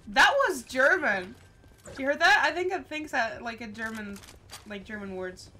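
Very animated and forceful, this young Dutch streamer talks at a moderate pace in a bright, fairly high voice, laughing and reading her chat aloud during casual gameplay. Her Dutch accent marks her as from the Netherlands, and background noise is clearly audible.

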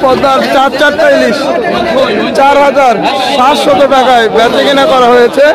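A man's voice: very high voice, steady tone, moderate pace. A man giving a walking commentary to viewers, steadily explaining what he sees while filming on a phone at an outdoor fish market. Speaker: market vlogger. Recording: loud crowd noise at a market. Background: loud crowd of traders.

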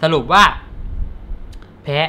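A man's voice: slow, pushed and bright. A young man co-hosting a casual film review, retelling the plot in crude slang. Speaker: movie review co-host. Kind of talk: casual profane film chat.

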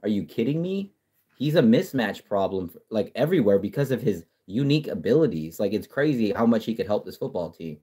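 Profane, excitable male livestream host. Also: on the low side, brisk, breathy edge. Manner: profane, excitable, trash-talking, frequent restarts. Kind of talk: casual live-stream chat reading comments.

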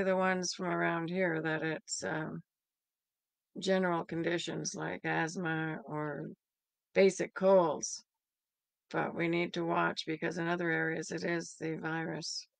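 Older woman, church devotional host on a webcam, gravelly and slightly low. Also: no room sound. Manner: plain, steady reading of numbers and scripture. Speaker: church leader giving daily devotion. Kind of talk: daily devotional and local news update. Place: home office by a bright window. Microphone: webcam at desk.

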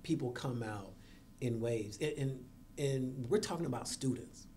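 Guest man, school equity director; mid-pitched, earnest, dry sarcasm. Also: unhurried, mellow, a little hiss or hum. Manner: earnest, with sarcastic asides and laughter. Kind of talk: podcast conversation.

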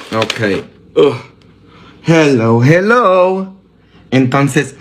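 A male priest with a sore throat preaches in an easy, unhurried way to people watching online. He greets them with a sing-song "hello, hello" and keeps turning his points into pointed questions aimed at his listeners. His pitch sits in an ordinary middle range for a man. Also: slight background noise. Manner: peppers his talk with rhetorical questions to the listeners. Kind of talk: casual preaching to an online audience.

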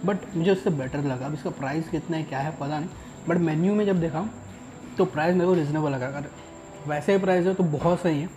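Vlogging a laid-back food review from an outdoor rooftop restaurant, a young man chats as he samples the dishes, remarking between bites. His voice is fairly high-pitched, and the audio quality is poor.

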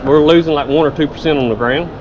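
A man's voice: fairly high pitch, fast talker, highs cut off. A man, a farmer vlogging casually and plain-spoken at a trade show, filmed close up. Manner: folksy, plain-spoken, enthusiastic. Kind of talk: casual walk-and-talk vlog. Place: large indoor trade show hall. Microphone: handheld camera close to face. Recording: noisy trade show floor. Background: crowd chatter and hall noise.

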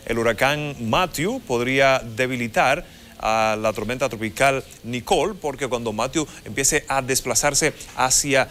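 A man's voice: mid-range voice, a little slow, fairly bright tone, a little hiss or hum. A man explains the weather live in a formal, explanatory way as a TV forecaster. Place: TV studio. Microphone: lapel mic.

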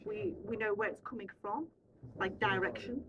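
Her medium-pitched, sing-song voice moves at a moderate pace as this young woman, an air traffic controller, explains the indoor radar control room to a tour group, regularly checking with tag questions. The recording, from a handheld camera a short distance away, is muffled, with a distant mic and a loud crowd around her.

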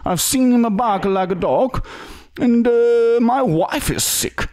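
Here the young man's very high voice turns slow and a little mellow as he pleads in the role of a pushy, broken-English foreigner on a prank call, hesitating with fillers throughout. The setting is a small indoor studio room with a podcast mic on a boom arm.

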